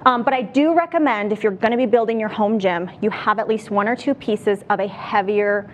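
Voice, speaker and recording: A woman's voice: mid-range voice, fairly quick, highs cut off. Brief: woman in her 30s, upbeat fitness coach demoing gear, faint studio hum. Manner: upbeat, explaining tips. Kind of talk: TV studio demonstration. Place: TV studio set.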